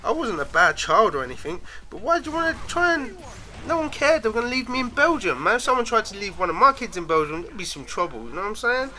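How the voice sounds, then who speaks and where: A man's voice: high-pitched, sing-song, quick pace, hardly any pauses, pushed and bright. A man telling a rambling personal story in a casual, chatty way, dropping "man" and "like" often.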